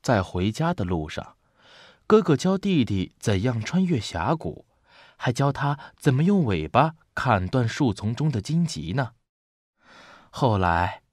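A man narrating a children's picture book aloud as a voice teacher, in an expressive storytelling manner. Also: medium pitch, no room sound, clean studio sound.

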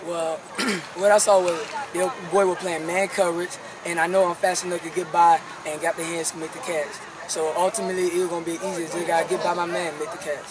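Fast-talking teen football player. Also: male voice, a little high, flat delivery, a crowd in the background. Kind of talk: postgame interview. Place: outdoor football field at night. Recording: distant mic with outdoor noise.

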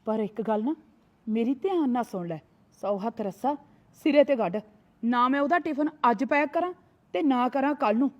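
Woman as a high-pitched, scolding wife, dull lo-fi audio. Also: expressive, normal speed, a little mellow, lightly acted. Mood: defiant. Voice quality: scolding, full of sayings. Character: proud, sharp-tongued young married woman, defiant toward her sly sister-in-law. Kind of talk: short family drama.

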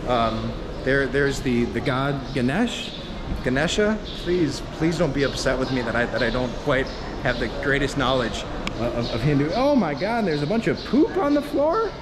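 A man's voice: medium pitch, very animated, moderate pace. A man in his thirties vlogging casually outdoors at a temple site, upbeat and chatty, with frequent laughs, filmed on a camera at arm's length. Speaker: travel vlogger. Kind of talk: casual travel vlog. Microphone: handheld action camera at arm's length. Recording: loud outdoor background noise. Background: loud outdoor street noise.

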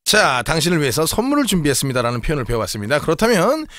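A man's voice: a little high, huge pitch swings, rapid-fire, a bit bright, no room sound, studio quality. A man hosting a comedy sketch as a mock teacher of dialect phrases, exaggerated and teacherly. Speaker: comedy host. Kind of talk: mock language lesson.

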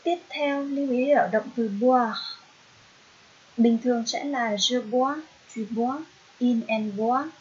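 A woman's voice: a little high, slow, darkish tone. A woman with a Vietnamese accent teaching a French lesson, patiently spelling out verb endings letter by letter. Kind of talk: slow explanatory lesson. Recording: dull lo-fi voice recording.

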